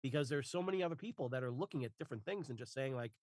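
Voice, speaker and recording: Halting, dry-voiced man in his forties. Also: mid-range voice, animated, darkish tone, no room sound. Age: 40s. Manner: hesitant, restarts phrases with many fillers. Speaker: guest author and narrator. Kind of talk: casual podcast conversation.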